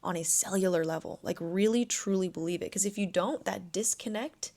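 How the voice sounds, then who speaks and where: A young woman talks through a self-help podcast in an easy, unhurried coaching manner. Her voice sits at a middle pitch, and she sounds reassuring and conversational rather than scripted. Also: dark tone. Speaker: podcast host and anxiety coach.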